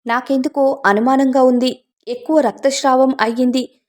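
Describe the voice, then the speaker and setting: A woman's voice: sits high, steady tone, normal speed, darkish tone, natural voice. Anxious poor father, pleading, laborer, storybook figure, read by a woman.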